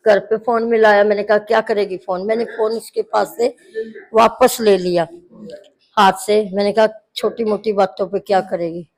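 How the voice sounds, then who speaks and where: A woman's voice: medium pitch, steady tone, normal speed, a little mellow, low-quality recording. A middle-aged woman with a mid-range voice recounts a family quarrel at length. She keeps quoting the words each person said, in a plain narrating way. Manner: long narration full of quoted dialogue. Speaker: interviewee, mother-in-law.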